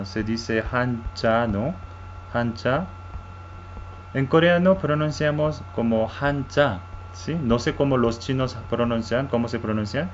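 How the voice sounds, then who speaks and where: A man whose first language is Korean, teaching a language lesson in Spanish with a halting style, repeating words and often checking "¿sí?". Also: mid-range voice, dull audio, a little hiss or hum.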